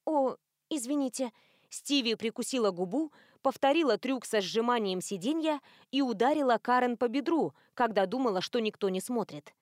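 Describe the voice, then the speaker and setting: A woman reading an audiobook as narrator in an even, clear storytelling manner. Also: fairly high pitch, normal speed, hardly any pauses, no room sound, studio quality. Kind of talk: scripted narration.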